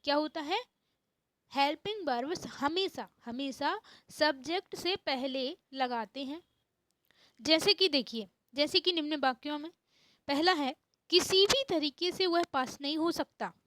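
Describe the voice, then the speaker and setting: Lady teaching grammar, reads english lines super slow n repeats em, high voice. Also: a bit bright, no echo, poor audio. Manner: reads English sentences slowly and repeats them. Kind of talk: grammar lesson.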